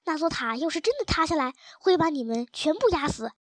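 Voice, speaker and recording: A woman's voice: high-pitched, sing-song, a little fast, no room sound, clean studio sound. A woman voicing a bullying cat. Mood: threatening. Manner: menacing. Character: bullying male cat scaring mice.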